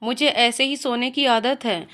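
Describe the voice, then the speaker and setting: A woman's voice: fairly high pitch, fairly even intonation, unhurried, a bit bright. A woman voicing a stubborn, irritable young husband who answers in a curt, scolding way. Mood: irritated.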